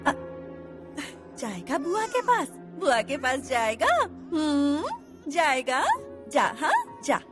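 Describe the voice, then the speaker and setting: An actress playing a young mother in a TV serial who soothes and coos to her crying baby in gentle baby talk, with background music playing. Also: sits high, big pitch swings, slow, pauses often, exaggerated voice. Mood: soothing. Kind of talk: TV serial acting.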